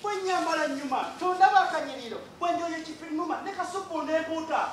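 A woman's voice: very high-pitched, fast talker, a little hiss or hum. A woman leading a poetry recitation in a large church hall, declaiming in a scolding, preaching tone. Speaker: lead poetry performer. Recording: echoey hall, mic far off.

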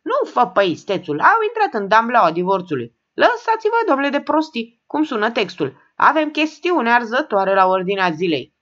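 A woman voicing a loud, pushy, excitable man who bursts out in an audiobook reading, on a dull lo-fi recording. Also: a little high, hardly any pauses, voice pushed up, heavily acted. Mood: blustering. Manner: explosive, shouty bursts. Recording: dull lo-fi sound.

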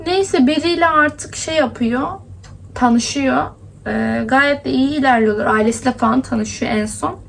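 A woman's voice: high-pitched, vocal fry, slight background noise. A young woman from Adana chatting casually in a daily vlog, complaining and laughing as she goes. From Adana, Turkey. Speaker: vlogger. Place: indoors at home, then outdoors in hot streets.

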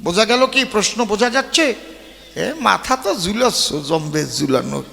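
A man's voice: very high voice, expressive, moderate pace, creaky, sharp tone, soft background music. A male folk poet-singer giving a rhetorical stage speech on an open-air stage, often throwing questions at the audience. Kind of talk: stage debate speech with rhymes and verses. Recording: long hall-like reverb.

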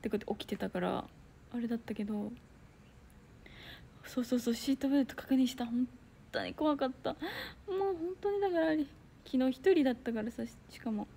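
A young woman chatting casually on a solo livestream, reading viewer comments and telling a story with loud outbursts and hushed asides. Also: on the high side, lively intonation, fairly quick, vocal fry, pauses often, slight background noise. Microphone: phone or computer mic on a solo livestream.

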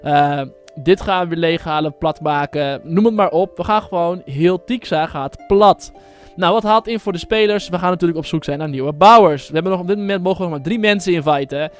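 A man's voice: a little high, fairly quick, soft background music. A man hosting his own gaming channel, giving casual, rambling commentary full of fillers and slang.

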